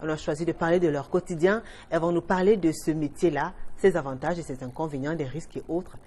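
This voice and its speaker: A woman from Cameroon, hosting a studio talk show with expressive, emphatic delivery. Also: deep voice, fast. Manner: expressive, emphatic presenting with lively swings.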